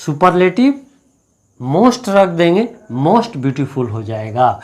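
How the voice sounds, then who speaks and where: Male teacher, Hindi accent, slow drilling delivery, repeats words for students. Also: on the high side, very animated, darkish tone. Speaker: English teacher. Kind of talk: classroom grammar lesson.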